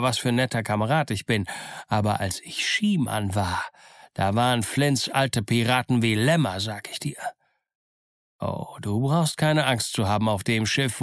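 A man's voice: mid-range voice, fairly bright tone, dry recording, studio quality, close to an everyday voice. A man voicing Long John Silver, a sly boastful old pirate. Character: cunning boastful older male pirate cook.

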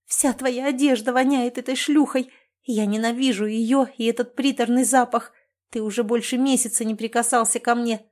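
Woman performing: hysterical wife, sobbing and shrieking, pitched up and loud. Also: fairly even intonation, moderate pace, lightly acted. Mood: hysterical, crying. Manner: shrill, tearful, screaming. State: crying.

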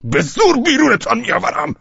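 A man voicing a furious, exasperated gentleman in an audiobook reading, shouting commands. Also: extremely high pitch, huge pitch swings, creaky, breathy edge, no room sound, muffled recording, voice pushed up, exaggerated voice.

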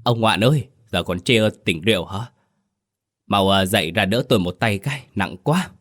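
A man's voice: on the low side, normal speed, a bit bright. A man voicing a frantic older village wife in an audio horror story, crying out and calling for help. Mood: nagging.

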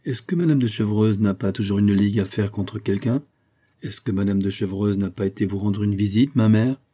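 A resolute young king from a read-aloud novel holds the room with firm, commanding speech. A man voices him in his own low, dark, husky register, lifted only a little for the royal lines. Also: steady tone, moderate pace, natural voice.

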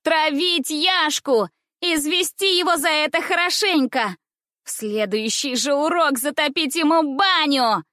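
A woman's voice: high voice, expressive, a little slow, a bit bright, dry recording, clean studio sound, pitched above the performer's own voice. A woman voicing spiteful young schoolgirls who jeer and threaten in a sing-song taunting way, in a storybook reading. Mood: shouting.

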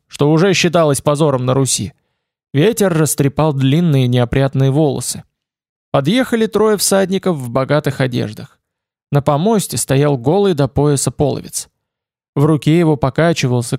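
Man narrating with a gravelly voice. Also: on the high side, a little mellow, dry recording, clean studio sound. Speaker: audiobook narrator. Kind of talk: scripted narration.

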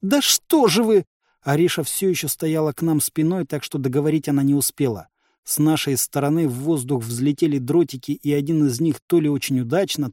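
A man reading a first-person fantasy audiobook in a lively storytelling manner. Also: on the high side, dry recording, studio quality. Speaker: audiobook reader.

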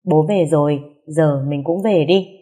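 A woman voicing a calm, responsible young man who speaks earnestly and respectfully. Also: low-pitched, a little slow.

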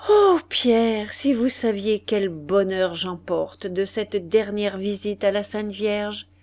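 A woman reading an audiobook voices a joyful, devout young woman speaking gently. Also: medium pitch, slow, lightly acted. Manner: rapturous, gentle.

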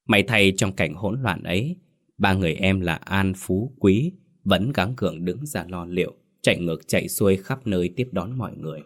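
A man giving scripted horror narration in a measured, somber way. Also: deep voice, lively intonation. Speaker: storyteller.

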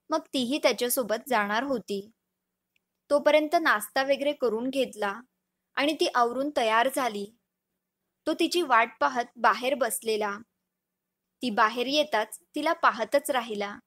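A woman tells a romantic story in a gentle, measured storybook reading. Her voice is high and she takes her time over each line. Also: no echo, studio quality. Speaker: story narrator.

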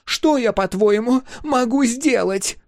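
A man voicing a proud older woman scientist who speaks haltingly. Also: fairly high pitch, no room sound, clean studio sound, voice pushed up. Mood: defensive. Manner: halting, hesitant, apologetic.

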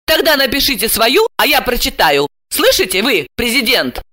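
A woman voicing a hot-tempered, indignant housewife who snaps and shouts. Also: a little high, very animated, moderate pace, pitched above the performer's own voice. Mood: furious. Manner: loud, snapping, exclamatory.

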